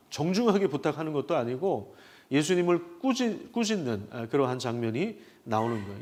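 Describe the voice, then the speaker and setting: A man preaching a Sunday sermon as pastor, asking the congregation questions and pausing on filler sounds. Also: fairly high pitch.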